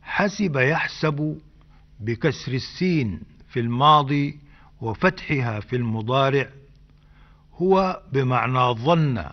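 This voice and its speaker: Slow scholarly man on old radio. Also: mid-range voice, lively intonation. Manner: measured, precise, scholarly explanation. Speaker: radio program host. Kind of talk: slow scripted language lesson. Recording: dull old radio broadcast.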